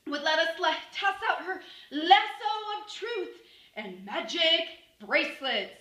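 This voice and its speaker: A woman teacher reading an example friendly letter aloud with excited enthusiasm. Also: high-pitched. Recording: echoey room.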